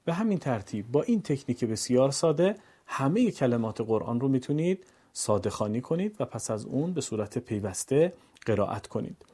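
A man teaching Quran reading in a patient lesson voice, drawing out each syllable slowly when he demonstrates. His tone is dark and mellow, and his pitch sits in an ordinary middle range. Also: big pitch swings, breathy edge. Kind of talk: instructional lesson narration.

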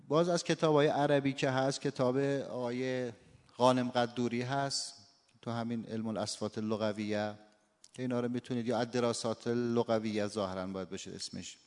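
Man lecturing in a reverberant hall. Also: mid-range voice. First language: Persian. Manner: explanatory, slows down to demonstrate word stress. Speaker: teacher. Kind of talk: spoken lecture on phonetics. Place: lecture room or workshop.

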